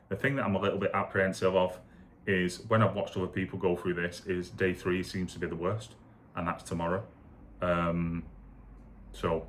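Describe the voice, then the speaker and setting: A man speaking candidly and casually in a rambling video diary, foggy and low on energy after surgery. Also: a bit bright. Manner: rambling, candid, matter-of-fact. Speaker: vlogger recovering from shoulder surgery.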